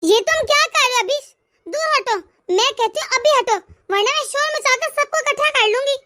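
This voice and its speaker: A woman voicing a young widowed daughter-in-law in a cartoon, indignant and pleading, in a very high, bright voice. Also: moderate pace, no echo, clean studio sound. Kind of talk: cartoon voice acting.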